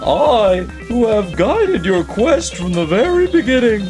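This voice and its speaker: A man voicing a haughty, imperious archangel that speaks in a booming, grandly formal way, with music playing behind. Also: wildly swooping pitch, measured pace, exaggerated voice. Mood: wrathful.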